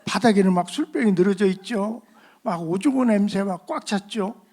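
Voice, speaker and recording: A middle-aged man preaching, telling a personal testimony in a lively storytelling manner and acting out the voices of the people in it. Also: high-pitched, normal speed. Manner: animated storyteller acting out quoted voices, laughing at himself. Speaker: pastor. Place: church sanctuary.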